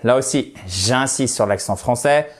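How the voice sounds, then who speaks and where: A man teaching a video lesson in a chatty, friendly way, with playful asides, slowing down to stress words. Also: mid-range voice. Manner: slows down and stresses words to show how they are said. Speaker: language teacher.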